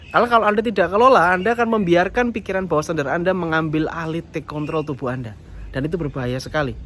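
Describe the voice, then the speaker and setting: Male motivational coach, casual repetitive delivery, mid-high voice, recorded with audible vehicle noise. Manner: repetitive coaching, addresses viewers directly. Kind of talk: casual self-help talk. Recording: clear background noise with passing vehicles.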